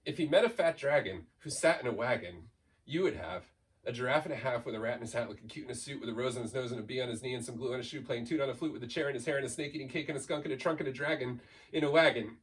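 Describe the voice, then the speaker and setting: Far from the microphone, a mid-range male voice races through a children's picture book in rapid-fire fashion. The reader, a school staff member, plays it up theatrically, lingering on key words and tearing through piled-up lists.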